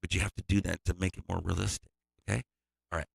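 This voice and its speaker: A man's voice: deep voice, little pitch movement, fast talker, creaky, slightly rough, no room sound. A man who produces music, talking casually through a tutorial, rambling and restarting his sentences.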